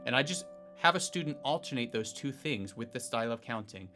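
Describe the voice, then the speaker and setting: A man teaching a piano lesson, explaining rhythm in a relaxed way and counting beats aloud in a sing-song voice. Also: medium pitch, fairly quick. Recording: faint piano music underneath. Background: piano playing.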